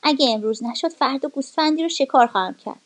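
A woman voicing a hungry, sly male wolf in a storybook reading, high and insistent. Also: natural voice. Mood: demanding.

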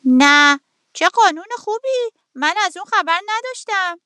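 A woman voicing a clever, wary rooster who answers in high, quick retorts. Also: lively intonation, sharp tone, no room sound, clean studio sound, full character voice.

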